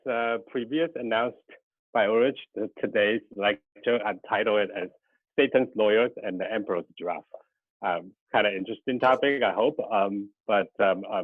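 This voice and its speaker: Speaking in a fairly low voice, a Mandarin-speaking graphic designer from Taiwan, in his thirties, delivers a guest lecture by video call. He stumbles through it with frequent ums and restarts, and the call audio sounds tinny and dry.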